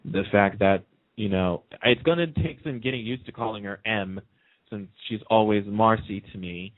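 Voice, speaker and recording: On a radio show, a man with a lowish voice and moderate pace gives his opinions in a casual, emphatic chat about TV soap storylines. The audio comes through a muffled, narrow, phone-like line.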